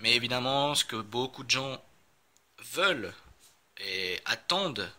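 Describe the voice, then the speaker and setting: A man's voice: medium pitch, lively intonation, a little slow, sharp tone. A man chatting casually as he unboxes a game, rambling with many fillers and self-corrections.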